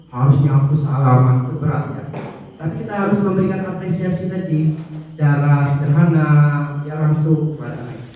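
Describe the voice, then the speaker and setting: A male schoolteacher giving a conversational workshop talk to fellow teachers, addressing them directly and using frequent filler sounds. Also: on the high side. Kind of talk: workshop presentation. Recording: very echoey hall, mic far off, dull sound.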